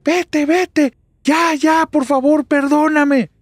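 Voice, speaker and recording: A man with a Mexican accent voicing a frightened, nervous middle-aged mother who pleads in a shrill, panicked way. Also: normal speed, no room sound, natural voice. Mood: screaming terror.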